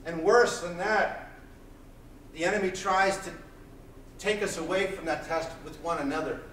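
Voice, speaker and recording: Fired-up preacher guy, high voice for a man, booming off the walls of a church hall, mic way back. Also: normal speed, slight background noise. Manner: intense and loud, pacing the stage. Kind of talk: sermon. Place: small church hall, indoors. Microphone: far camera, room mic. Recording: echoey church hall from far off.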